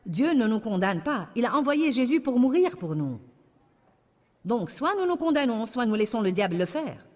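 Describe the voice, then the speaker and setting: A woman's voice: mid-range voice, darkish tone, long reverb tail. A woman preaching a sermon in a French voice-over, with emphatic, repetitive declarations.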